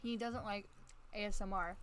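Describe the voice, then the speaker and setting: A woman's voice: mid-range voice, fairly even intonation, moderate pace, a bit bright, slight background noise. A young woman vlogging in a casual chat, laughing often. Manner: giggly, chatty, laughs often.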